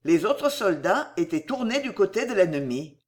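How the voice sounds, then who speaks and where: Expressive storybook narrator. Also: mid-range voice, normal speed. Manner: expressive, dramatic reading. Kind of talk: storybook reading.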